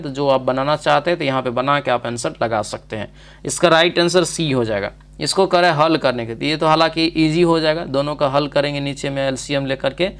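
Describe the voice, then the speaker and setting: A man with a Bihari Hindi accent teaches by walking through exam questions, often checking that his listeners are following. His voice is on the high side and a bit bright, with a clear, resonant tone.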